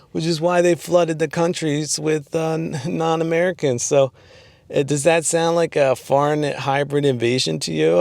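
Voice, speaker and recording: A man giving a rambling political monologue to his channel, halting with many fillers and restarts, clearing his throat and saying he is losing his voice. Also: medium pitch, a little mellow, dry recording. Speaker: channel host.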